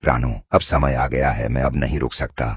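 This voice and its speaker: A man voicing an ancient, fatherly magic tree spirit in a cartoon, speaking slowly and tenderly. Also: extremely low pitch, fairly even intonation, slightly rough, no echo, clean studio sound, full character voice. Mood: solemn tender. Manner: slow, tender, solemn. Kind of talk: cartoon voice acting. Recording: noisy background.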